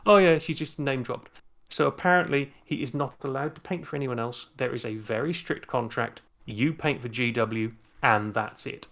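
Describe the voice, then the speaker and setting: A middle-aged man shares a story on a podcast in an easy, chatty way. He stumbles and restarts often as he acts out the dialogue, at a medium pitch. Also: moderate pace, a bit bright. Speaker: podcast co-host. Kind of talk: casual anecdote telling.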